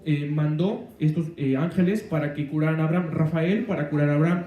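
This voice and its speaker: A man's voice: a little high, warm tone, roomy sound, recorded from a distance. A man preaching a sermon on the weekly Torah portion, rambling, with many fillers and restarts.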